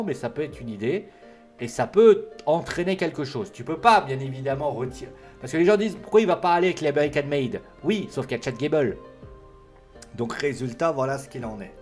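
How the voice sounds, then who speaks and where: A man giving a casual, rambling solo review of a wrestling show, full of fillers and restarts. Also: fairly high pitch.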